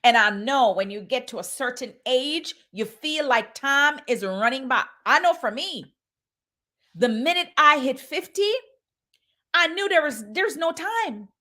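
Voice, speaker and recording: A woman's voice: high-pitched, animated, measured pace, bright, forceful tone. A woman in her fifties giving an urgent motivational sermon as a minister, repeating phrases for emphasis. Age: 50s.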